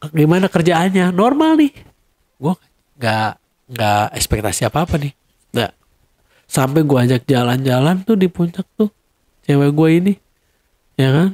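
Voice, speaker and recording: A young man with a Jakarta accent telling a personal story in a casual, animated way. He acts out quarrels in a raised voice. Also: a little high, a little slow, long pauses, dry recording.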